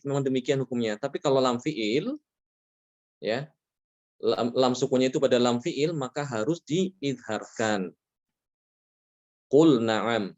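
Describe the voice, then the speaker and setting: A man teaching a Quran recitation lesson, explaining rules patiently, checking in with frequent "ya" and chanting Arabic examples slowly. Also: medium pitch, darkish tone, highs cut off. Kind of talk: religious lesson on tajweed rules.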